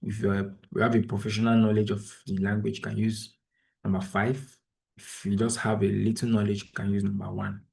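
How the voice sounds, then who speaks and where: Speaking over a video call, a trainer from Nigeria, a native Igbo speaker, guides viewers patiently through a screen-share tutorial one step at a time. His voice sits on the low side, darkish, with vocal fry and a breathy edge.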